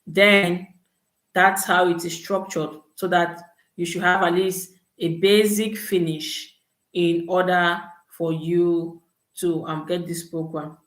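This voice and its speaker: A young woman from Cameroon, slow and level in tone with a slightly low voice, hosts a live Q&A giving study-abroad advice. She keeps checking in with "okay" and "all right," and the room around her sounds open and echoey.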